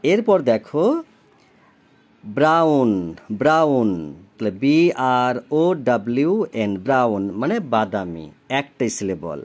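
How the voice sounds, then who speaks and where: A man's voice: medium pitch, expressive, moderate pace, few pauses. A man, tutoring a child in a recorded homework lesson. He spells words letter by letter, gives their meanings, and keeps asking whether the child understands. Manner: often checks understanding with questions.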